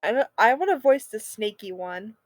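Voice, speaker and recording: A woman's voice: medium pitch, expressive, moderate pace, a little hiss or hum. A woman streamer chatting casually and enthusiastically while playing a game.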